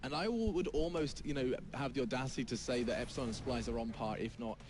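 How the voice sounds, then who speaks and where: A man delivers live esports commentary at a rapid clip, his voice sitting in a middle register. He leans hard into each point with energetic emphasis. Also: mid-range voice, noisy background. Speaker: esports caster.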